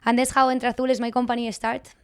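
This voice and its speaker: A woman from Spain speaks with a strong Spanish accent, telling her story as a podcast guest in an earnest, measured manner. Her voice is smooth and clear, with a flat, even pitch, recorded dry and close. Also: no echo. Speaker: guest, writer.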